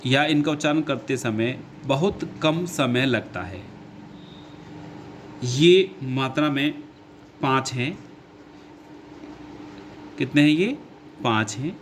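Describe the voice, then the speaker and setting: Slow, deliberate male teacher. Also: medium pitch, slight background noise. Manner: slow, repeats points, asks and answers his own questions. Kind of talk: classroom lesson explaining grammar.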